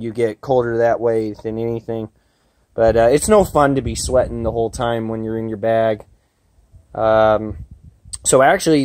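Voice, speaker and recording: At a campsite, a man in his thirties talks into a handheld camera, giving camping gear advice in a chatty, plain-spoken way full of "uh" and "um." His voice is medium-pitched and a little mellow, recorded with no echo.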